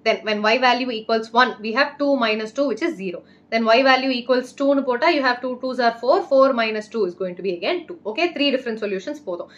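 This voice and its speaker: A young woman with a South Indian Tamil accent teaches step by step, as a native Tamil speaker would in an online class. Her voice is high and her delivery very fast, with quick check questions along the way. The audio is slightly dull and lo-fi. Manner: instructive, frequent short check questions. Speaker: maths teacher. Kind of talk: online lesson, explaining step by step.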